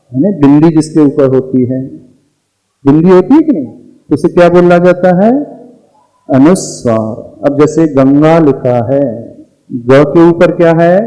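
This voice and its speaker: A Jain monk teaching recitation gives a pronunciation lesson on Sanskrit verses in a fairly high, mellow voice. Slow and patient, he quizzes his listeners as he goes.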